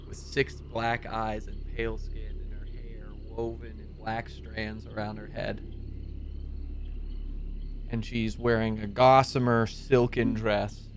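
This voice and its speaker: A man's voice: on the low side, a little hiss or hum. A man working as game master, casually narrating a tabletop fantasy game.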